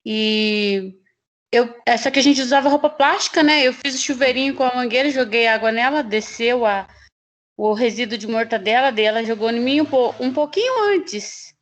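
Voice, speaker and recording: Student, woman, rambling storyteller on a video call, voice pitched a bit high. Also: normal speed. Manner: animated, rambling storyteller with frequent laughs and restarts. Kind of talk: telling a story in an online class.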